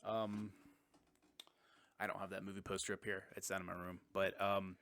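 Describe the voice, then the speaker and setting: A man co-hosting a podcast, casually recapping a film and dropping into quick silly impressions. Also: sits low, level tone, a bit bright, no room sound. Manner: rambling, retells scenes with quick silly impressions. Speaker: podcast co-host. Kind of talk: casual movie recap chat.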